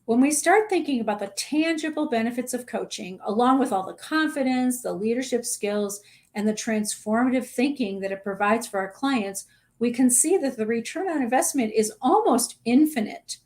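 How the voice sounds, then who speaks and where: Earnest woman coach with a slightly high voice. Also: lively intonation, moderate pace, a little mellow. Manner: earnest, direct, conversational with small restarts. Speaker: executive coach. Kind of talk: talking-head advice video.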